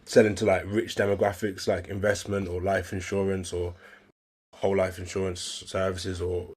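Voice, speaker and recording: A man's voice: deep voice, level tone, moderate pace, a little mellow. A man who is a podcast guest, talking loosely with lots of "like" and "bro". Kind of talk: casual podcast chat.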